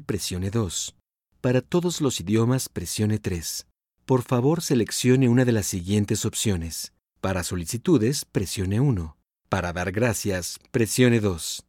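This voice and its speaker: A man reading a parody of an automated phone menu in a measured, formal announcer manner. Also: lowish voice, darkish tone, no echo, studio quality.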